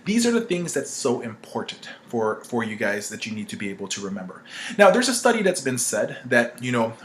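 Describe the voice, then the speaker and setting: In an informal instructional talk on marketing, a man acts out example calls and keeps checking in with "right?" while making emphatic, conversational points. His medium-pitched voice moves briskly with big pitch swings and a fairly bright tone. There's slight background noise.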